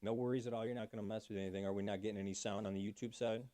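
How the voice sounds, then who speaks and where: A man's voice: fairly low pitch, steady tone, very fast, dark tone, dry recording. A man hosting a casual livestream, chatty, thanking viewers by name and talking through fixing his audio. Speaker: livestream host.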